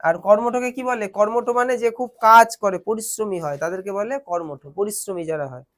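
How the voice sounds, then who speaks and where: A woman's voice: mid-range voice, fairly quick. A young woman teaches children translation, patiently asking questions and answering them herself. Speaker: tutor.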